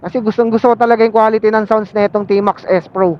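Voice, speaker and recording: Fast and steady in tone, a high-voiced Filipino motovlogger chats loosely from his motorcycle in city traffic, filling his talk with fillers and English phrases. A Bluetooth helmet intercom linked to an action camera records him, leaving the audio muffled over faint road and vehicle noise.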